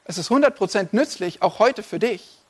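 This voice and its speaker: A man's voice: sits high, expressive, moderate pace, husky. A male pastor preaching a sermon, addressing listeners directly with emphatic, repeated lists.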